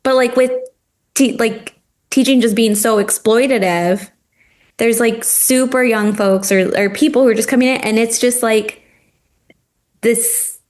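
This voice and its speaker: A woman with a higher-than-average voice and an unhurried pace chats as a podcast guest. Once a teacher, she comes across as passionate and lively, and "like" crops up again and again.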